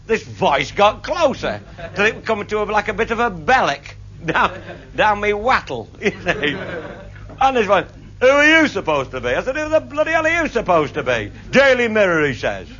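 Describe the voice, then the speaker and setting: High, lively storyteller. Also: male voice, normal speed. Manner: broad, earthy, swears freely, voices the people in his tales. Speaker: raconteur. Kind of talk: comic storytelling to a live audience. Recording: muffled old live recording with audience laughter.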